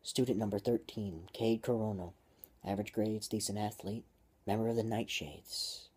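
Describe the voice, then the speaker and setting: A man's voice: lowish voice, fairly even intonation, moderate pace, darkish tone, husky. A man reading his own story aloud, stopping often to joke and comment on his writing. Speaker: amateur writer and vlogger.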